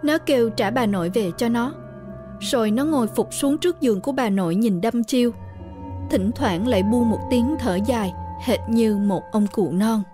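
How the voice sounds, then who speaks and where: A woman reading a horror story aloud in a steady, measured narration. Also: fairly high pitch, music in the background.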